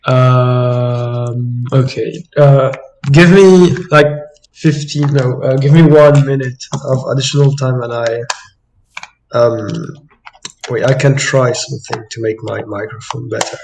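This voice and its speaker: A mid-pitched man talks slowly and haltingly through chess ideas, stopping to correct himself. His voice has a gravelly edge. He sounds like he is thinking out loud in a casual chat. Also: fairly even intonation, noisy background. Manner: hesitant, lots of fillers and self-corrections. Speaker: chess sparring partner. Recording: poor-quality microphone.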